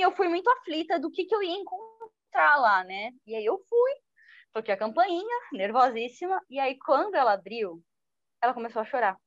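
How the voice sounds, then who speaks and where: High-voiced woman journalist telling stories. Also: no room sound. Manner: lively, acts out quoted speech. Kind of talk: personal storytelling in an interview. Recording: dull lo-fi dry sound.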